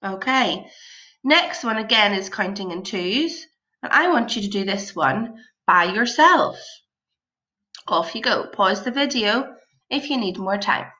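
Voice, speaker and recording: A woman with a bright voice teaches young children in the manner of a kids show host. She takes her time, encouraging and praising as she puts questions to them. The recording is a little dull and lo-fi. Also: medium pitch, animated, measured pace. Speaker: primary school maths teacher.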